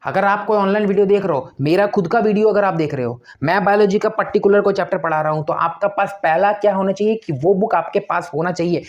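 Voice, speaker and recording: A man's voice: sits high, quick pace, few pauses, highs cut off. A male exam-prep teacher giving motivational study advice to students, emphatic and repetitive, firing off rhetorical questions. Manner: emphatic, repeats points, asks rhetorical questions.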